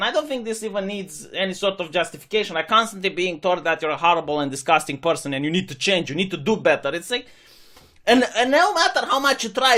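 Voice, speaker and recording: A young Romanian man hosts a channel, delivering sarcastic opinion commentary in a high, fairly bright voice. He mocks his critics with imitations.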